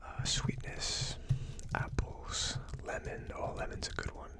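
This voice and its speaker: This is a breathy, voiceless ASMR whisper from the host of a tasting video. While typing up notes, they murmur them casually and slowly, one word after another.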